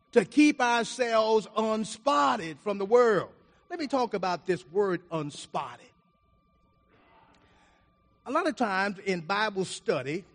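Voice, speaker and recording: A man preaching a sermon, reading scripture aloud and explaining it, his volume rising and falling for emphasis. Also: high voice. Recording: reverberant hall.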